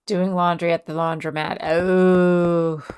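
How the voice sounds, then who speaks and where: A woman's voice: lowish voice, steady tone, moderate pace, gravelly, slight background noise. A woman streamer chatting casually with her viewers, reading out and answering chat messages. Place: home.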